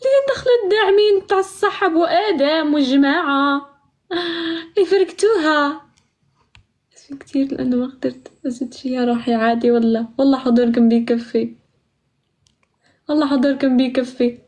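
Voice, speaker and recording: High-pitched excitable woman streamer. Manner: excitable, laughing, rapid calls to viewers. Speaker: TikTok live streamer. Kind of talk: casual live-stream chat.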